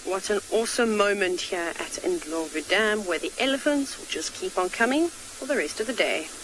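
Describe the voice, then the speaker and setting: Lady safari presenter outdoors, soaking up the scene, medium pitch, slight hiss behind. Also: animated, moderate pace, fairly bright tone, poor audio. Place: outdoors at a dam.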